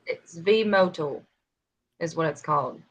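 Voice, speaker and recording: A woman hosting a casual live chat, animated and teasing. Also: sits low, slow, breathy edge, low-quality recording. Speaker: live show host.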